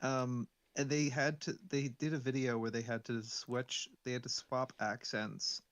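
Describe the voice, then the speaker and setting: A young man co-hosting a casual chat, unhurried and hesitant, often trailing off. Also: medium pitch, flat delivery, fairly bright tone. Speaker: podcast co-host.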